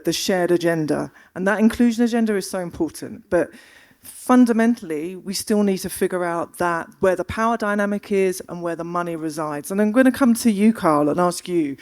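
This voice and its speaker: A woman with a South London accent moderating a panel discussion. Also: lowish voice.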